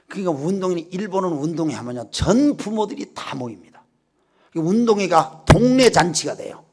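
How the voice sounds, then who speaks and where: A middle-aged pastor tells his story from a church pulpit, his voice husky and gravelly. His pitch leaps about as he moves from near-shouts to quiet asides. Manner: animated storytelling, swings from shouts to hushed asides. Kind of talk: revival sermon testimony. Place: church sanctuary.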